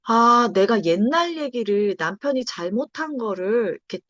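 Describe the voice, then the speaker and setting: Woman, pastor's wife, testimony, animated pitch, fairly high voice, dull dry recording. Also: moderate pace, no echo. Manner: expressive storytelling, acts out quoted lines. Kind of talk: personal testimony conversation.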